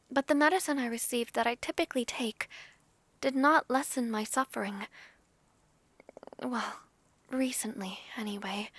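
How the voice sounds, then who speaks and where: In a fantasy audio drama, a woman voices an ailing but earnest young noblewoman of dragon blood, speaking formally and haltingly. Her voice is high and a bit bright, the delivery exaggerated, and the recording dry.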